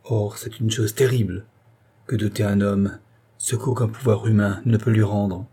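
A sorrowful, principled gentleman, as a man reads him, speaking slowly and gravely in a low, mellow voice. Each reply is calm and carefully reasoned.

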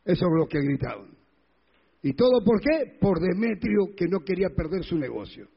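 A man's voice: sits high, very animated, moderate pace, husky, long reverb tail, dull audio. A male pastor preaching a sermon, retelling scripture and acting out the crowds, often questioning his congregation.

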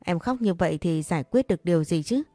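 Lady doing a bossy sweet guy comforting a friend, lowish warm voice. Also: lively intonation, quick pace, no echo, lightly acted. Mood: coaxing. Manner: scolding yet tender, coaxing. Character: caring, pushy young man comforting a friend. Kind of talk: audiobook character reading.

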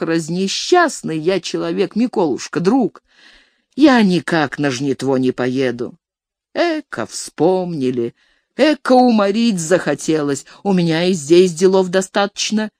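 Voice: medium pitch, a little mellow, no echo, studio quality. A reader voicing a frightened old male farm steward who pleads and wails in folksy rustic speech, in a storybook reading.

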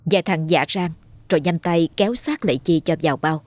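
A woman narrating a scripted ghost story in a steady, even way. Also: fairly low pitch, brisk, no room sound. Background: faint music.

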